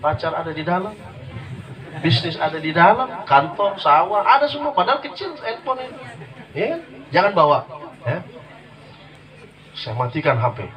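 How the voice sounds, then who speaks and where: A man preaching to a gathering, telling his story in a lively, jokey way and acting out the people in it. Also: on the high side, normal speed, long pauses, far from the mic, rough recording. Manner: lively, jokey, acts out quoted voices. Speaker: guest preacher. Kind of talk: humorous sermon storytelling. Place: religious gathering before an audience. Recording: live audience noise audible.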